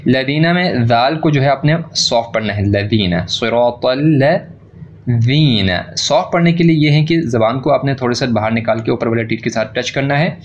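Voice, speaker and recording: A man giving a recitation pronunciation lesson, slowly stretching out words to demonstrate sounds and contrasting right and wrong forms. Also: mid-range voice, lo-fi sound. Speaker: Quran recitation teacher.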